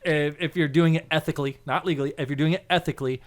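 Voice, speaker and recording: A man's voice: fairly high pitch, fairly even intonation, fast. A man hosting a podcast in casual chat, telling rambling, self-mocking stories and laughing as he goes. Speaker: podcast host.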